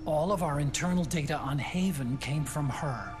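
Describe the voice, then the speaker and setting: A man acting as an earnest, thoughtful tech expert in a video game. His voice is fairly high for a man and explanatory, with loud music behind it. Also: moderate pace, lightly acted. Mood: somber, earnest. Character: earnest, thoughtful male technical expert advising soldiers.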